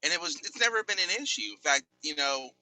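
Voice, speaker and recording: A man's voice: sits high, animated, fast, vocal fry, bright, forceful tone, no echo, poor audio. A man co-hosting a podcast, giving his opinion in casual chat and hesitating with many fillers and restarts. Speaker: podcast co-host. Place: in Oklahoma.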